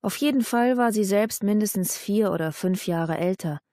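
Female audiobook narrator, steady storytelling, mid pitch, dry close mic. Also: normal speed, no echo.

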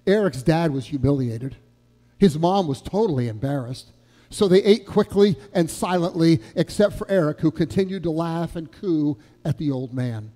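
A man's voice: on the high side, mellow. A male pastor preaching a sermon in a church, telling a story earnestly and asking the congregation questions. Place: church sanctuary. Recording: long church reverb.

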